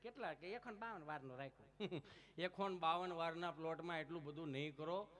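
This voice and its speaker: High-voiced folksy male storyteller. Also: brisk. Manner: lively, teasing, folksy. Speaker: folk storyteller and comedian. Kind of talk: comic storytelling on stage. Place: outdoor folk-music gathering stage.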